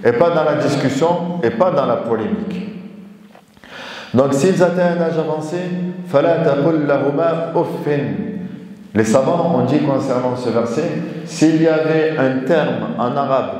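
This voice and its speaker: A man's voice: on the high side, brisk, a little mellow. A man who is an imam, giving a sermon that mixes French with recited Arabic verses and repeats key phrases for emphasis. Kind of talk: Friday sermon lecture. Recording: echoey hall, mic at a distance.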